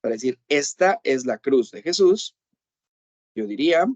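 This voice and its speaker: A man's voice: mid-range voice, expressive, a little mellow, no echo, dull audio. A man teaching an English class, explaining patiently and checking often that his students follow. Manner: patient, repeats "¿ok?" to check understanding; slows down to say English examples. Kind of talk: online class explanation in Spanish.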